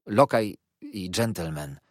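A man's voice: fairly low pitch, expressive, slow, dry recording, clean studio sound, pitched above the performer's own voice. A man reading the lines of a distressed young fisherman who speaks in a toneless, strained voice. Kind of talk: audiobook character reading.

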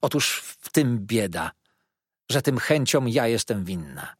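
A man's voice: medium pitch, big pitch swings, slow, husky, no room sound, clean studio sound, exaggerated voice. A man voicing a whiny, self-pitying older widow who complains through tears in a plaintive, sobbing manner.

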